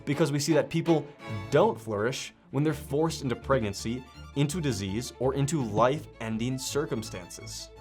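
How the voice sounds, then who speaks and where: A man's voice: medium pitch, moderate pace, a little mellow. A man in his twenties giving sarcastic video-essay commentary into a close desk microphone. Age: 20s. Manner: sarcastic, swearing. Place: small indoor studio room at a desk. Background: music.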